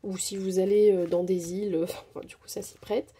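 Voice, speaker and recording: Her voice mid-range, husky and mellow, this woman of Portuguese descent talks through a craft supply haul fairly quickly and with flat delivery. She's a chatty, hesitant craft vlogger full of fillers, shown only by her hands from a camera over the table.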